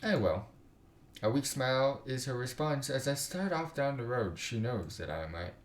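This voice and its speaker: A young man live streams a game from his computer indoors, reading visual novel text aloud at normal speed with some stumbles. His medium-pitched voice is animated, and he adds slangy, joking side comments. The sound is roomy.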